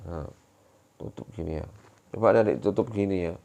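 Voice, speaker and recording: A man's voice: low voice, normal speed, creaky. A man teaching children at church, telling a Bible story with repeated questions to the kids. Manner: keeps addressing the kids, repetitive and animated.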